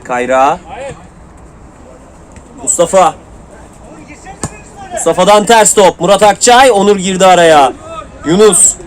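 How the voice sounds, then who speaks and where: A man giving live play-by-play commentary on an amateur football match, calling out player names in short clipped bursts. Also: sits high. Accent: Turkish.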